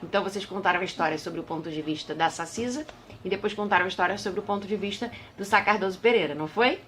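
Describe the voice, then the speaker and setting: A woman teacher who reads a storybook aloud to children, talking directly to them in a lively way. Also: mid-range voice, fast, a little hiss or hum.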